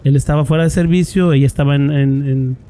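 A podcast co-host with a Mexican accent tells a story in casual, slangy chat, talking fast in a warm, slightly high voice with fairly even intonation. He restarts often and peppers his speech with filler slang like "güey".

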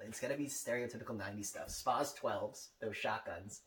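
A man casually and eagerly pitching a movie idea in comic banter, swearing and acting out bits. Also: brisk, fairly bright tone, recorded from a distance. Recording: off-mic, background noise.

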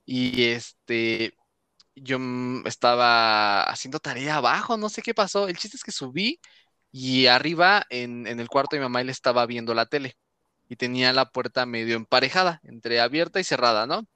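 A young man with a Mexican accent telling a funny story in casual chat, animated, often laughing and acting out what he said. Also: medium pitch, normal speed, clean tone, dry recording. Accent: Mexican Spanish. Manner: animated, laughs often, acts out his own lines.

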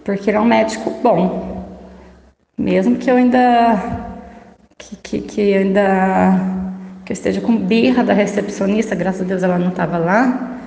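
A young adult woman telling viewers a personal story in an outspoken, animated way, with many restarts. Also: medium pitch, creaky. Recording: echoey room with long reverb.

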